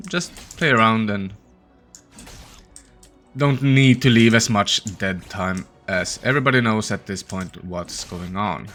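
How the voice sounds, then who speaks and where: Low voiced guy with a crisp bright edge, casually talking through his game, kinda tired and low energy. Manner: opens with a put-on peppy intro voice. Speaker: host of a gaming channel. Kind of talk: casual gameplay commentary.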